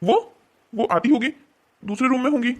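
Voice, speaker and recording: A voice actor playing a sly, smooth-talking young man in a cartoon story, coaxing and evasive. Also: sits high, animated, moderate pace, a little mellow, a little hiss or hum.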